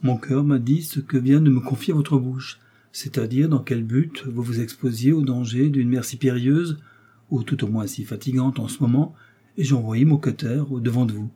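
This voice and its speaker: A cold, sardonic English nobleman, read by a man in a mellow, husky voice. He needles and threatens with unhurried, icy courtesy. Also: mid-range voice, close to an everyday voice. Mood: smooth, ironic. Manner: sardonic, coolly menacing. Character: cold, mocking English lord, middle-aged.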